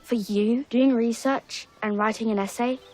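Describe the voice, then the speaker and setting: A woman's voice: a little high, steady tone, normal speed, darkish tone, natural voice. A female actor playing a timid, self-doubting boarding-school girl who speaks hesitantly in a period drama. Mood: anxious, insecure.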